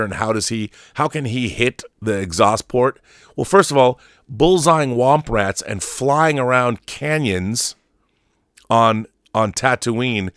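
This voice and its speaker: This livestream host, a man in his fifties, reads messages aloud and comments on them casually but with strong opinions, often repeating points to drive them home. He speaks in a mid-range, fairly bright voice. There's no echo, just clean studio sound.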